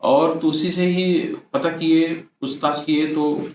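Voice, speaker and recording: Middle-aged male police officer at a press briefing: measured, halting delivery, slightly high voice, distant mic in an echoey space. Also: fairly even intonation. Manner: measured, halting account with frequent pauses. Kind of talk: press statement. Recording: echoey, distant mic, faint background noise.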